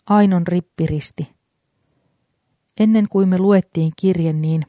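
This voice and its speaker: A reader voicing an old grieving man who speaks softly but firmly in an audiobook. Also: mid-range voice, fairly even intonation, dry recording, studio quality, close to an everyday voice. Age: older. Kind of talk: audiobook character voice.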